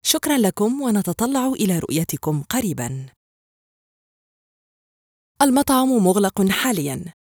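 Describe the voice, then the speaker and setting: A woman reading scripted phone menu prompts in a polite, formal, clearly enunciated way. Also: mid-range voice, darkish tone, dry recording, studio quality. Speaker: phone system voice prompt announcer.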